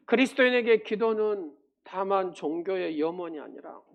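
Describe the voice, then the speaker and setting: A man preaching a sermon as a pastor. He drops to quiet murmurs, then climbs to loud, emphatic peaks and puts rhetorical questions to the congregation. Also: high-pitched, muffled recording.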